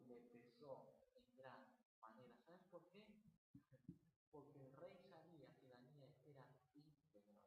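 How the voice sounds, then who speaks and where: A woman's voice: low voice, darkish tone. A woman delivers a Sunday sermon, reading scripture with emphasis and returning again and again to the same phrases and rhetorical questions. Her voice rings through a large, very echoey hall with a long reverb tail. A faint background hum sits underneath. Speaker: preacher.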